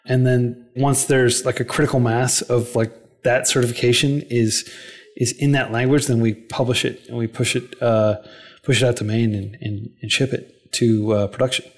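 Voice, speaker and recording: A man's voice: mid-range voice, little pitch movement, normal speed. A man on a podcast as a guest, explaining things earnestly in a casual interview, speeding up in bursts and leaning on fillers. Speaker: podcast guest, non-profit founder.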